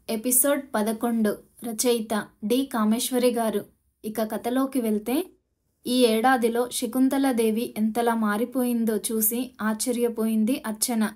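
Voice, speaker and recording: A woman narrating a family drama audio story in a steady, emotive reading voice. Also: fairly high pitch. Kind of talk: scripted narration.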